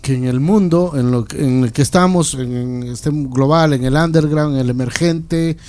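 A man hosting a casual metal radio interview, relaxed and chatty, laughing easily. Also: medium pitch, normal speed. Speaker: radio show host.

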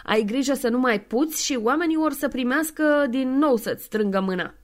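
A bossy, brusque male caretaker, voiced by a woman narrator in a read-aloud story. He speaks in a strong, forceful voice that is louder than her narration. His demands come out blunt and commanding. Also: high voice, lively intonation, voice pushed up.

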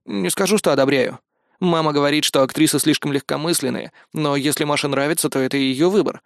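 A man's voice: a little high, fairly quick, gravelly, no echo. Man voicing an earnest polite young guy, mild, dry close sound.

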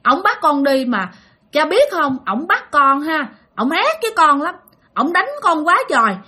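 Brief: a pleading ghost of a drowned little boy, put on by a woman with a Southern Vietnamese accent, high and whiny. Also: sing-song, unhurried, bright, forceful tone, exaggerated voice. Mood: plaintive. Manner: plaintive, complaining.

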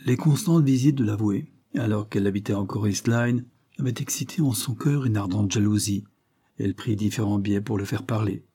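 A man reading a classic novel aloud in measured, scripted narration. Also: on the low side, warm tone, slightly rough. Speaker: audiobook reader.

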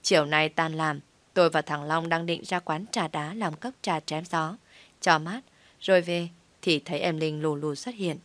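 A woman with a low voice narrates a comic first-person story at an even, steady pace. The sound is close and dry. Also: moderate pace, dry recording.

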